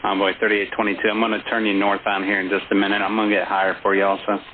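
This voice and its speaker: A man working as an air traffic controller gives instructions over the radio very fast, in a lowish voice with a completely flat delivery. The radio-transmission audio is muffled and band-limited, with chatter in the background.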